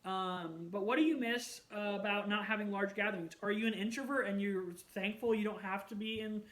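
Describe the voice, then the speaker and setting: A man vlogging in a casual chat, telling rambling, gushing stories about concerts with animated bursts of excitement. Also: sits high, brisk.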